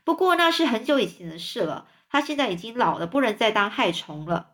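A woman voicing a cheeky, boastful giant centipede in a storybook reading, talking loudly and teasing. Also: a little high, expressive, fairly quick. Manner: bragging, loud and teasing.

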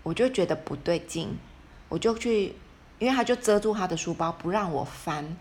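A woman's voice: fairly low pitch, animated, normal speed, darkish tone. A mother telling a parenting story in casual conversation, acting out quoted dialogue and often restarting her sentences. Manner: retells scenes with quoted dialogue, frequent restarts. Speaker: mother sharing parenting experience.

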